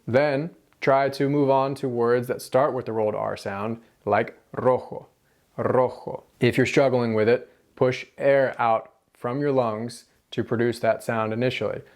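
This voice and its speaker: A man's voice: mid-range voice, steady tone, a little slow, few pauses, darkish tone. A man with an American accent explains pronunciation in a casual tutorial style, demonstrating tapped and rolled R sounds with repeated example syllables and words. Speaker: language teacher.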